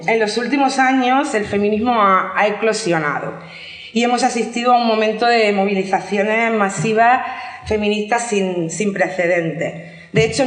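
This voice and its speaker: A woman from Murcia giving a talk at a conference, speaking with many restarts and fillers. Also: medium pitch. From Murcia, Spain. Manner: hesitant restarts, filler-heavy, engaged. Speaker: invited speaker. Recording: echoey hall.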